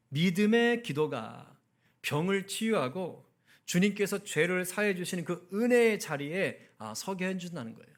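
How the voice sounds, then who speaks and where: A male pastor giving a conversational sermon at a prayer meeting, asking the congregation questions and acting out angry outbursts. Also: sits high. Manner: acts out angry outbursts in quoted speech.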